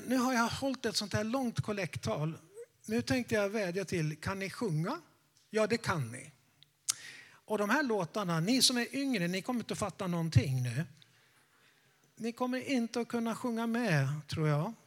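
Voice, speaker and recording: Brief: male evangelist, high voice, playful sermon style, talks straight to the congregation. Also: lively intonation. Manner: jokey, chatty, checks in with the audience. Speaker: evangelist preacher.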